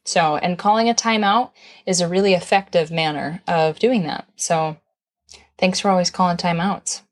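A woman co-hosts a casual relationship talk, chatty and playful, full of fillers. Her voice sits a little low for a woman. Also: moderate pace. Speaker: podcast co-host. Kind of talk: casual conversational advice.

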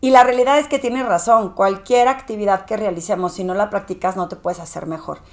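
A woman's voice: medium pitch, a little fast. A woman with a Mexican accent, a public speaking coach talking in a casual, conversational monologue with frequent "eh" fillers.

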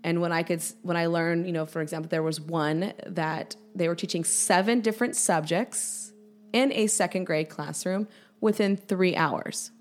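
Educator lady guesting on a podcast, kinda low voice, animated and energetic. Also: moderate pace. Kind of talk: podcast interview.

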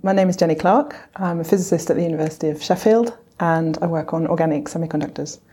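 A woman from Belgium, a physicist, telling her career story in an interview, quick and earnest with many fillers. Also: low-pitched, warm tone, husky.

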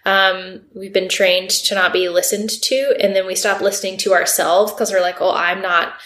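A woman's voice: mid-range voice, steady tone, moderate pace, a bit bright. Reflective woman in a roomy space. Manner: reflective, storytelling, frequent "like" fillers. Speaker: herbalist guest on a podcast. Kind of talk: casual conversational chat. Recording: roomy echo.

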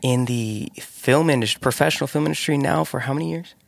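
A man hosting a casual podcast interview, opening with an energetic welcome and then chatting loosely with fillers. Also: medium pitch, brisk, vocal fry, no echo. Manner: energetic hype intro, then relaxed with fillers. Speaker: podcast host.

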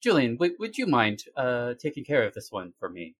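A man's voice: medium pitch, wildly swooping pitch, normal speed, pitched below the performer's own voice. A man voicing a cheerful male investigator in a tabletop role-play, with a put-on accent and a polite, upbeat manner.

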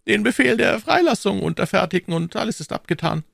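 A man's voice: high voice, big pitch swings, a little fast, gravelly, fairly bright tone, no room sound, studio quality, voice pushed up, full character voice. A man voicing a scheming older male cardinal who speaks in a sly, ingratiating courtly way.

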